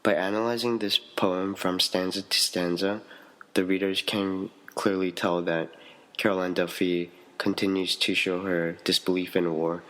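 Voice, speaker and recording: A man reading out a prepared poetry analysis as a student, in a measured, steady way. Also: deep voice, rough recording.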